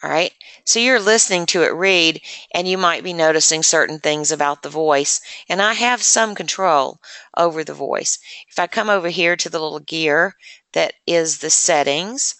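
A woman presenting a software demonstration lesson, explaining step by step in a chatty way with many fillers, close to the mic. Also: low voice, normal speed, dry recording. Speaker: assistive technology presenter.

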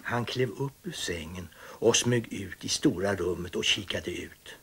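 A man reading a children's story aloud with expressive, dramatic storytelling. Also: sits low, creaky, husky.

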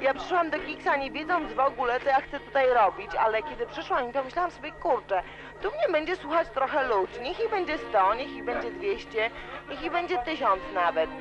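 At a student club party with loud music, a student radio interviewee in her twenties speaks briskly in a high voice with lively intonation. She rambles with emotion and says "you know" again and again, all recorded on dull, lo-fi, worn cassette tape.

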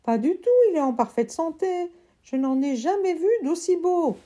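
An overexcited eccentric uncle who collects rare plants, exclaiming in a high, emphatic storybook voice, as a woman reads him aloud. His tone stays mellow and warm underneath. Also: takes it slowly. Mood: excited.

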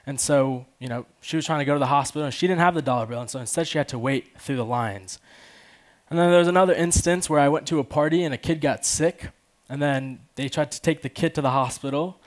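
A fairly high-pitched, fast-talking man of about twenty gives an informal, conversational talk as a conference speaker, casually peppering it with "you know" and "like." He is an American from Chicago, born in Afghanistan. He speaks through a headset on a large auditorium stage with an audience.

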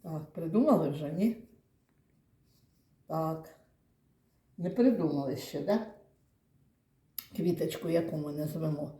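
A woman teaching young children, slowly and patiently sounding out words and praising them. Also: low voice, warm tone. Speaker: kindergarten teacher. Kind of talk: classroom lesson for young children. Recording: echoey room.

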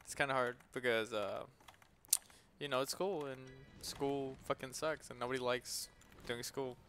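A man's voice: medium pitch, steady tone, unhurried, a bit bright. A young man in the middle of his range talks loosely over his game at home, rambling and cursing freely. He laughs often and keeps the chat easygoing. Game music plays behind his voice. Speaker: gaming video host. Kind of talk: casual gameplay commentary.

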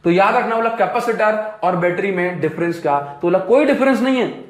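A man's voice: high-pitched, a little fast, reverberant. A man teaching physics in a classroom lecture, asking questions and answering them himself.

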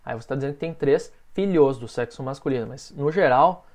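A man with a Brazilian Portuguese accent teaching a beginners' English lesson, patiently drilling phrases and saying each model sentence slowly. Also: medium pitch, darkish tone.

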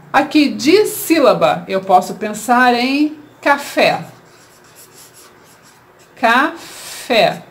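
A woman with a Brazilian Portuguese accent teaching a children's grammar lesson, explaining slowly and asking rhetorical questions. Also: mid-range voice.

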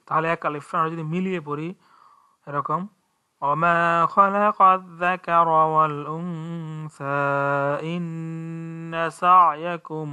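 A man with a Bangladeshi Bengali accent teaching Quran recitation, spelling out each letter and vowel and then reciting the verse slowly. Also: a little high, pushed and bright. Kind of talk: slow spelled-out recitation lesson.

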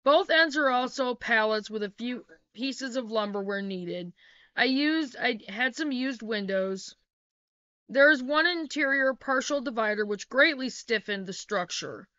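A middle-aged homesteading vlogger reads a practical how-to narration in a small wood-paneled room, correcting herself slightly now and then. Her voice is fairly high, expressive, unhurried, sharp and smooth, recorded dry through a laptop webcam that gives dull, lo-fi sound.

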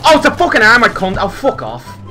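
A man's voice: sits high, huge pitch swings, brisk, bright, forceful tone, faint music behind. A young Irish man raging at a video game, ranting angrily and swearing heavily as he streams. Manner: raging gamer, angry foul-mouthed ranting. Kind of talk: game livestream commentary. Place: small room at home.

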